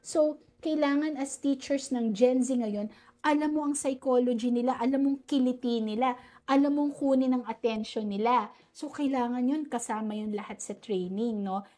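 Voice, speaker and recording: Woman teacher, bit high voice, sounds out letter sounds and keeps asking "no?" to check in, polite and explanatory. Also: normal speed, dark tone. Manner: demonstrates phoneme sounds, frequent "no?" tag questions; polite, uses "po" often. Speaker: reading teacher. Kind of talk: explanatory talk on teaching reading.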